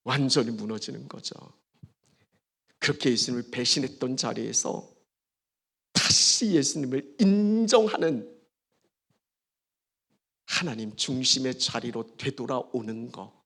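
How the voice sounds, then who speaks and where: A man preaching a sermon as pastor, emphatic, with dramatic pauses and swings between soft and loud delivery. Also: mid-range voice, lively intonation, breathy edge. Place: church service.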